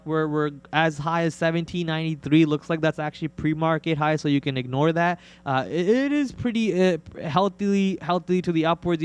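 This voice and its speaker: A man's voice: fairly high pitch, clean tone. A man hosting a live trading stream, giving casual, slangy market commentary and answering viewer questions informally.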